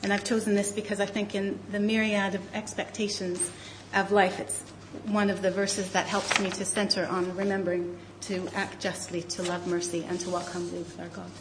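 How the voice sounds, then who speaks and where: A woman's voice: medium pitch, level tone, normal speed, few pauses. A woman with a Quebec accent reading scripture aloud as a Bible reader. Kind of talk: scripture reading and short personal remark. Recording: faint room noise.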